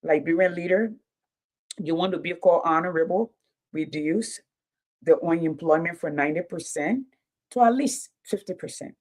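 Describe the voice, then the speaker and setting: A woman's voice: on the low side, normal speed, darkish tone. Emphatic woman in her fifties hosting a livestream. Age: 50s. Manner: emphatic, repeats phrases for effect. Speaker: livestream host. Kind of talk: casual livestream talk and commentary.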